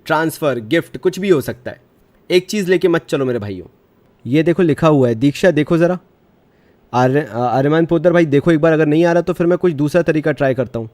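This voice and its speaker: A man's voice: mid-range voice, a little mellow. A friendly young man teaching a live online commerce class, mixing Hindi and English and answering students' chat comments in a reassuring way. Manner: friendly, reassuring, calls students brother and dear; mixes Hindi with English phrases.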